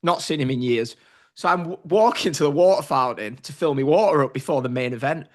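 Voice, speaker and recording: A man's voice: on the high side, a little fast. A man co-hosting a football podcast in casual chat, telling stories animatedly and acting out the voices of the people in them. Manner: animated, acts out quoted voices. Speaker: podcast co-host.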